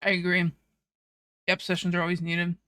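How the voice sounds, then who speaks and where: A woman's voice: on the low side, monotone, moderate pace, a bit bright, dry recording, clean studio sound. A young woman streaming, chatting casually with viewers while eating, laughing often and swearing freely.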